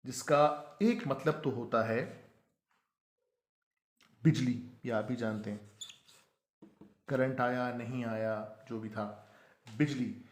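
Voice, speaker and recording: A man teaching a pronunciation lesson, who slows right down to spell out each word. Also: mid-range voice, fairly even intonation, reverberant. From Pakistan. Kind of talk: explanatory lesson.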